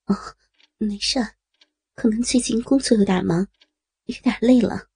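A woman voicing a young wife who answers quietly and evasively. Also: on the high side, normal speed, husky. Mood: weary.

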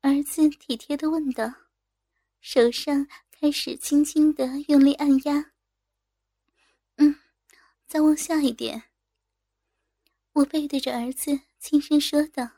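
Soft-voiced woman reading a story. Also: sits high, steady tone, measured pace, no room sound, clean studio sound. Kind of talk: first-person story reading.

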